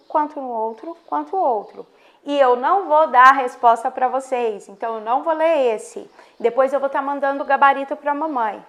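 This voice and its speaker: A woman with a Brazilian accent, a primary school teacher giving a recorded lesson to young children, speaking slowly and stressing her intonation clearly. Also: high voice. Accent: Brazilian Portuguese.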